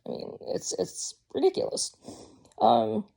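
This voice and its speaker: A woman's voice: a little high, lively intonation, a little slow, creaky, mellow, breathy edge. A woman talking candidly in a casual personal vlog, rambling with frequent ums. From Georgia, US. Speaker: vlogger.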